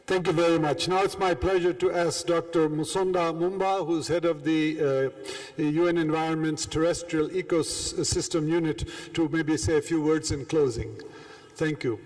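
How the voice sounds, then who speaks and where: A man moderating a conference panel, polite and somewhat halting. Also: fairly high pitch, steady tone, a little mellow, distant mic. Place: conference room.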